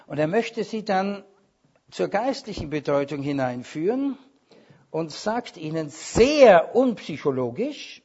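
A man's voice: high voice, vocal fry, a little mellow, husky. A man preaching a sermon with emphasis, quoting scripture and dropping wry asides. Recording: dull lo-fi sermon recording.

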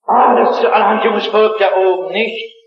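A man's voice: high voice, fairly even intonation, moderate pace. A man with a Swabian accent preaching a sermon, impassioned and emphatic, speaking straight to his listeners. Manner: addresses listeners directly. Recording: roomy, slightly dull old recording.

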